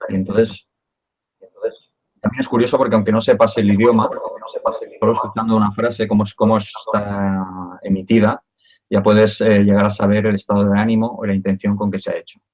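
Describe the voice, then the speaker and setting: A man's voice: on the low side, darkish tone, highs cut off. A man moderating a live talk, relaying audience questions and framing his own, hesitantly searching for words. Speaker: interviewer reading viewer questions.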